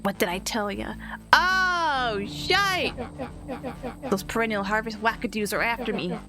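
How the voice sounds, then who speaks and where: High, frantic boy, woman reading him; shouty and excitable. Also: a little slow, music in the background, close to an everyday voice. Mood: agitated.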